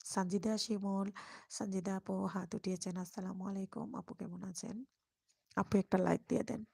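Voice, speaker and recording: A woman chats softly through her live stream, often dropping to a near-whisper. Her voice is husky and mellow, with a gravelly edge. The microphone sits close in a dry space. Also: mid-range voice, fairly even intonation, normal speed, dry recording. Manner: speaks very softly, at times whispering. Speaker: live-stream host reading viewer comments. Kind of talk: casual live-stream chat.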